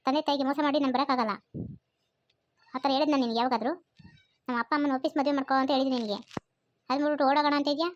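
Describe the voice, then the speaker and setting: A woman voicing a young female college student who pleads and scolds in rapid bursts. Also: sits high, dry recording, lo-fi sound, close to an everyday voice. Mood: defensive.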